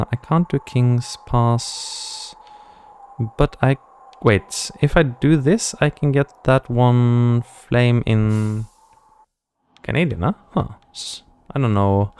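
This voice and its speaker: A man's voice: on the low side, a little mellow, a little hiss or hum. A man from Scandinavia thinking aloud and chatting casually as he plays a game, answering chat comments as he goes. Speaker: gaming streamer.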